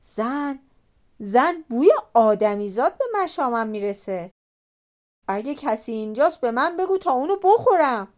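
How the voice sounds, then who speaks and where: A suspicious man-eating giant in a storybook tale, read by a woman, calling out loud demands in a fairly high, raised voice. He sniffs for humans and means to eat them. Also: lively intonation, lightly acted. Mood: demanding.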